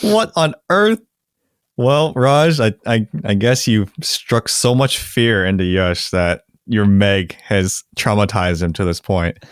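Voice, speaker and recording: A man's voice: on the low side, slow pace, clean tone, no room sound, clean studio sound. A young man co-hosting a podcast, telling stories in casual chat and laughing often. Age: young adult. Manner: laughs often, animated storytelling. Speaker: podcast co-host.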